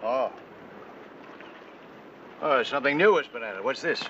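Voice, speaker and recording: An actor playing an easygoing adult male diver in a 1960s TV drama, wry and relaxed. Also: mid-range voice, unhurried, a little hiss or hum. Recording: dull lo-fi 1960s TV soundtrack.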